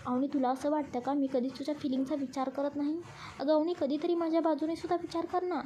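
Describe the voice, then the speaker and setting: A storybook young man with a short temper and a teasing streak, as a woman reads him. He sounds defensive and indignant, his lines set high and soft-toned over a faint hiss. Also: level tone, fast talker, lo-fi sound, natural voice. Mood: hurt, irritated.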